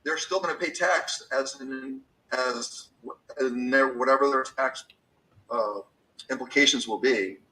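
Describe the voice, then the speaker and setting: A man's voice: medium pitch, measured pace, bright, forceful tone, distant mic, soft background music, rough recording. A man in his fifties talking casually about business, rambling with many restarts and fillers. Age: 50s.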